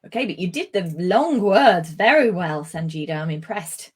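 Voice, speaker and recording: A woman from Britain teaching English pronunciation over a video call, praising and correcting slowly. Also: lowish voice, lively intonation, breathy edge. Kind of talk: online speaking lesson.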